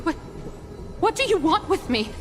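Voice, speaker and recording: An actress playing a timid, cornered female thief in a video game, pleading in a breathy, stammering panic. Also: very high-pitched, big pitch swings, moderate pace. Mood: pleading, panicked. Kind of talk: scripted video game voice acting. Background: game music.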